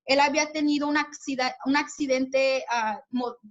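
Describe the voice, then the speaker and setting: A woman's voice: sits high, fairly even intonation, moderate pace, lo-fi sound. A woman speaking as guest at a women's church meeting, giving an earnest personal testimony, with many fillers and restarts, speaking to her listeners as sisters. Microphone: video call.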